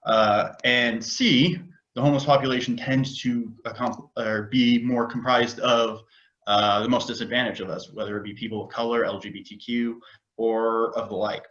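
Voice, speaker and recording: A man giving a candidate statement for city council over a video call, earnest and slightly halting. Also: medium pitch, steady tone, fairly bright tone, muffled recording.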